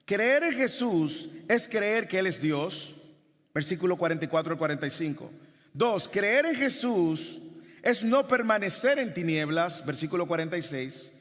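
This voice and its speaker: A man's voice: high-pitched, sing-song, unhurried, fairly bright tone. A male pastor preaching a sermon emphatically, repeating rhetorical questions to the congregation. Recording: long hall reverb.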